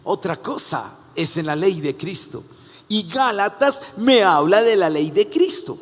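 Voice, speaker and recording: An older man, a pastor, preaching a sermon in an animated way and acting out the voices he quotes. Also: sits high, a little slow, in a large hall.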